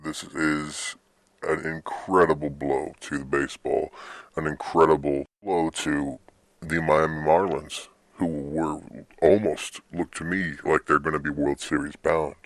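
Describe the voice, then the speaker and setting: Young male sports host, extremely deep, dry close sound, informal and meandering solo commentary. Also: little pitch movement, measured pace, dry recording. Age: young adult.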